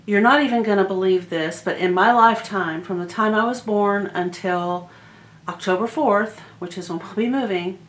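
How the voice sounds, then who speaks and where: A woman vlogger chats casually to her viewers in a rambling home vlog, speaking in a mid-range voice at a moderate pace. She's indoors in the emptied rooms of a house, and the empty space makes the recording echoey.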